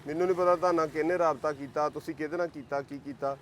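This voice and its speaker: A man with a Pakistani Punjabi accent, a social worker, calmly reassuring a family in a firm, fatherly way. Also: a little high, very fast, slight background noise. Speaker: social worker, channel host. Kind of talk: unscripted conversation.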